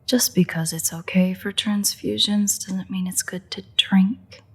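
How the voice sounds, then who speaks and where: A woman voices a sardonic, teasing female vampire in a roleplay audio drama, delivering an intimate monologue to the listener. Her mid-range voice is husky, breathy and gravelly, steady in tone and a little slow, with a disgusted, grumbling mood. She's sarcastic and mocking, swears, and shows dry exasperation, crude and grudging toward a hunter.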